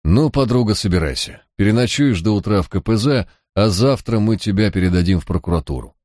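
A man's voice: on the low side, expressive, fairly quick, darkish tone, no room sound, clean studio sound. A man voicing a shrewd, cocky male police detective who talks in a mocking, coaxing drawl. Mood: coaxing mockery.

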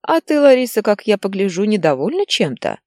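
A woman's voice: mid-range voice, very animated, a little fast, darkish tone, no room sound, studio quality, voice pushed up. A woman voicing a pompous older man who lectures and scolds the young, read in an audiobook story. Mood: lecturing. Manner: moralizing, scolding.

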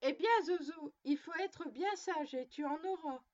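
A woman's voice: high voice, a little slow, a little mellow, highs cut off. A woman voicing a little girl who scolds her doll in a stern, motherly way. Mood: scolding.

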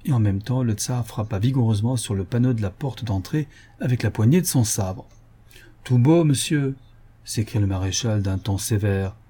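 Dark, husky male storyteller. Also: fairly low pitch, fairly quick. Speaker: audiobook reader. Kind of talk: scripted narration of a historical tale.

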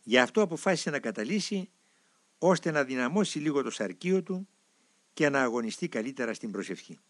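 A man narrating a memoir in a solemn, reverent and measured way. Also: medium pitch, sing-song, no echo. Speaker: audiobook narrator.

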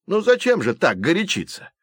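A man's voice: high-pitched, wildly swooping pitch, normal speed, a bit bright, husky, no room sound, pitched above the performer's own voice, full character voice. A man plays a taunting boy ringleader in a dry audiobook reading. He sneers and bosses in a raised voice. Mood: sneering. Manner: mocking, taunting. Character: youngest Flint brother, sneering boy ringleader.

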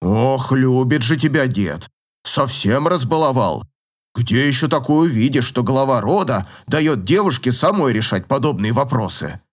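A man voicing a gruff, teasing old professor in an audiobook, grumbling and chuckling in a slow drawl. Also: medium pitch, lively intonation, natural voice. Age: older.

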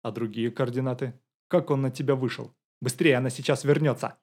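A man reading an audiobook, voicing a calm male investigator who questions in short, commanding phrases. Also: mid-range voice, a little fast, husky. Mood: pressing. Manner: curt, commanding. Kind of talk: audiobook character voice.

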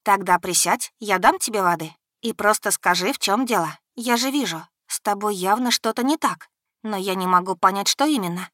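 A woman voicing a lively, caring young heroine with eager, animated speech. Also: medium pitch, moderate pace, dry recording, clean studio sound, natural voice.

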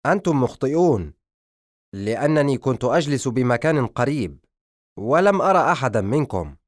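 A man's voice: medium pitch, sing-song, moderate pace, no room sound, studio quality, voice pushed up, close to an everyday voice. A man voicing a young boy hero in an audiobook story, raising his voice insistently. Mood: defensive.

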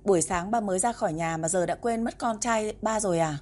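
A woman's voice: medium pitch, mellow, close to an everyday voice. A woman voicing a clever little boy who fakes a tearful, panicked plea on a phone call in a storybook reading. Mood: tearful pleading. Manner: pleading, sobbing, rapid.

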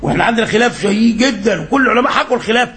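An Egyptian man teaches an Islamic lesson as a sheikh, talking quickly in a high voice. He quizzes his listeners and fills in the answers himself. Faint noise sits behind him. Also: expressive, a bit bright. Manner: repeats phrases for emphasis.

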